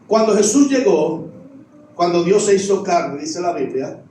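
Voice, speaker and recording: A man's voice: sits high, animated, measured pace, dark tone, a little hiss or hum. A middle-aged man, a pastor, preaching a sermon with repeated refrains. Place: church sanctuary. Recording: echoey church, voice from far off.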